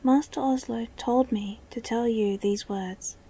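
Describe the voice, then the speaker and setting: A spellbound young princess speaks in a cold, obedient monotone, as a woman acts her out. Her voice is mellow and breathy. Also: fairly high pitch, unhurried.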